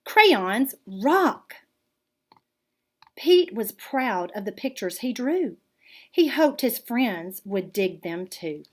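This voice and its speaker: A woman reading a children's picture book aloud in an expressive, deliberate storytelling manner. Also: a little high. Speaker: art teacher reading aloud.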